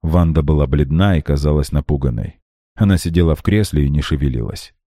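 A man narrates an audiobook with a very low, dark, mellow voice. His reading is measured and dramatic. The recording is close and dry with no room sound. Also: no echo.

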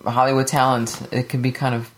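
A man's voice: mid-range voice, flat delivery, a little fast, a bit bright, rough recording. A man co-hosting a casual podcast chat, giving blunt, joking opinions. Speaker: podcast co-host.

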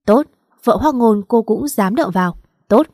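A woman's voice: on the high side, animated, a little slow, darkish tone, dry recording, clean studio sound. A woman reading an audiobook story, voicing a cold, dangerous young man who makes clipped threats. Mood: menacing.

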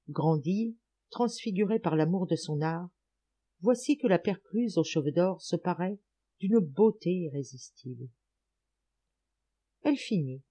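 Woman, audiobook narration, measured literary reading, warm mellow voice. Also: fairly low pitch. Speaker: audiobook reader.

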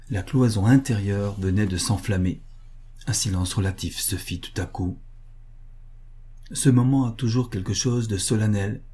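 A man reading a literary short story aloud in a measured, even storytelling manner. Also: on the low side, husky. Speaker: audiobook narrator. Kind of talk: scripted literary narration.

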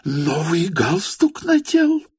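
A man voicing an imperious, agitated older noblewoman in an audiobook reading, shrill and commanding. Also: very animated, takes it slowly, a little mellow, breathy edge, dry recording, studio quality, heavily acted. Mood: bitter, accusing. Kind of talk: audiobook character voice.

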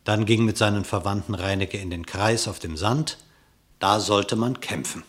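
A man with a fairly low voice narrates a classic radio play written in literary verse, telling the story in a measured, formal manner.

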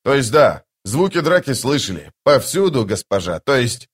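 A blunt, flustered soldier sergeant in a fantasy audiobook, loud and lively in pitch, as a man reads him. He talks in quick, rough bursts. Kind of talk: audiobook character voice.

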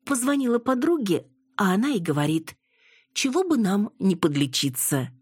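A woman voicing a sharp-tongued, nervous older mother with a tart, sardonic way of talking. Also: medium pitch, sing-song, moderate pace, husky, no echo, clean studio sound, pitched above the performer's own voice.

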